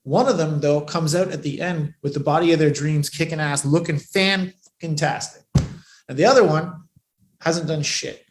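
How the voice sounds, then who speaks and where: A man running a live coaching session, swearing freely and hammering his points home, swinging between loud bursts and hushed asides. His voice sits a little high, and it rings in an echoey room. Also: steady tone, moderate pace. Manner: profane, emphatic, shifts between loud and hushed. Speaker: business coach.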